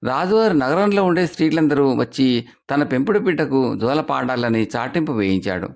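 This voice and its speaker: A man reads a folk tale to children, telling it in a lively, expressive way and acting out the dialogue. His voice is creaky, medium in pitch, and moderately paced.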